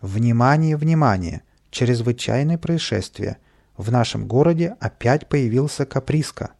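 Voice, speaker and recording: A man's voice: medium pitch, lively intonation, a little slow, vocal fry, darkish tone. A man doing a stern police sergeant. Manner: stern, commanding.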